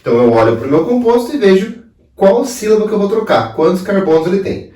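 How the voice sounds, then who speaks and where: A man's voice: high-pitched, expressive, a little fast, dark tone. A man with a Brazilian Portuguese accent teaching a chemistry lesson, asking himself questions and answering them. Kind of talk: video lesson explaining at a board. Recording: roomy sound, voice a bit far from the mic.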